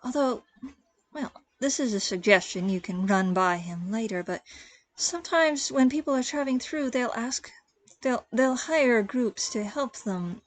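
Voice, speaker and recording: Timid, hesitant male wanderer who trips over his words, put on by a woman GM with a light high tone. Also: expressive, poor audio. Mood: thoughtful. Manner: stammering, soft and halting. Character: timid quiet male traveler, soft-spoken and hesitant.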